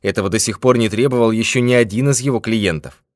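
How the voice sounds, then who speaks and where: A man narrating a classic detective audiobook in an expressive, lively way. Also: fairly low pitch, quick pace, dry recording, studio quality. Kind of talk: scripted narration.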